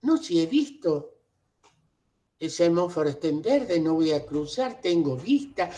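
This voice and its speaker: A man's voice: fairly high pitch, big pitch swings, unhurried, warm tone. A man voicing a proud older man who firmly corrects people who talk down to him. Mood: indignant. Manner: firm, indignant corrections.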